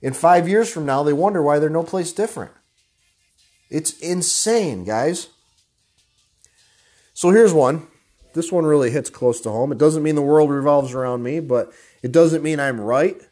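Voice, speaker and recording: A man's voice: a little high, a little slow, a little mellow, faint music behind. Man, motivational speaker, raised voice, blunt and profane, intense rant to his audience. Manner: blunt, profane, repeatedly addressing listeners as guys; angry, intense delivery.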